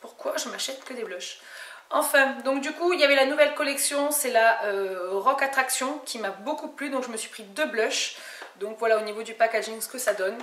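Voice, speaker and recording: A woman's voice: on the high side, fairly quick, a bit bright. A woman from France chatting casually through a beauty haul, hesitating often and restarting her sentences. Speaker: beauty vlogger. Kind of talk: casual haul video chat. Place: home room. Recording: echoey room with faint noise.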